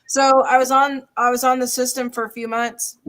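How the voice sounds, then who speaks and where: A woman hosting a casual group call, telling a story in an animated, chatty way with quick asides. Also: high voice. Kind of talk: casual chat.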